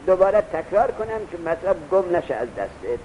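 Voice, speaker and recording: A man's voice: high voice, sing-song, dull audio, slight background noise. A man teaching Arabic grammar in a classroom lecture, repeating his points and quizzing his students. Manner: urges students to take notes.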